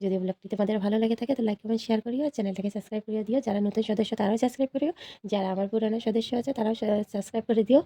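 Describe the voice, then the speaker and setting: A woman's voice: mid-range voice, steady tone, racing, mellow. A woman in her thirties, a mother, chatting casually to her viewers in a home vlog. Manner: chatty, talks straight to viewers. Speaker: vlogger, mother. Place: home, indoors.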